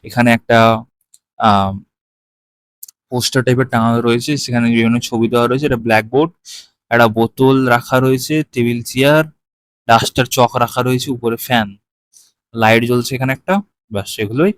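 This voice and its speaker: A man, teaching as he explains a textbook page. He reads English lines slowly, then explains them. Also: mid-range voice, fairly even intonation, dry recording.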